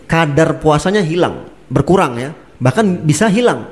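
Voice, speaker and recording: In a casual talk, an Islamic preacher with a fairly high-pitched voice covers religious points at ordinary speed. His delivery is animated and full of laughter, and he chuckles while impersonating the figures in his examples, angry speakers among them.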